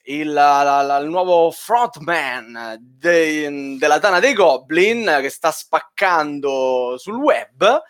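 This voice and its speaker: Man, podcast host, slightly high voice, very lively intonation, teasing, casual chat. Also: slow, few pauses, clear, resonant tone. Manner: playful, teasing banter.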